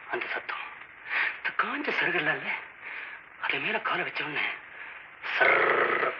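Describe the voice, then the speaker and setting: An actor playing an excitable, boastful young would-be film director, talking in a shrill, theatrical way. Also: male voice, very noisy. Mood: hushed, spooky. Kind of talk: vintage film comedy acting. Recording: muffled old film soundtrack.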